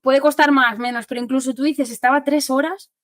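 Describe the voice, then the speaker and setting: A woman from Spain, an occupational therapist, explaining things to families in an animated, informal way and acting out what people say. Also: sits high, brisk, dry recording. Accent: Spanish from Spain. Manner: animated, explanatory, acts out quotes. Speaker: occupational therapist giving a talk.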